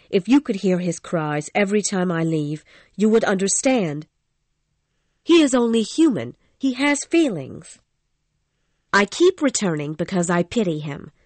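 In an audiobook, a woman voices a frightened young female opera singer, acting the dialogue with earnest, pleading delivery. Her mid-range voice has a darkish tone and is lightly acted, with no room sound.

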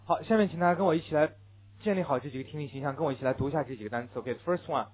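Male teacher, classroom lecture, slow repeated words, tinny narrow sound. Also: a little high, husky. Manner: repeats English words slowly for students. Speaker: English listening teacher.

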